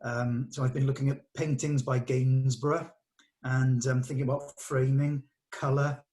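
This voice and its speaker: Speaking at a normal pace, a man with a medium-pitched, level, slightly mellow voice directs an informal rehearsal. He sounds hesitant yet thoughtful and encouraging. The exchange is casual rehearsal discussion mixed with some reading of stage directions.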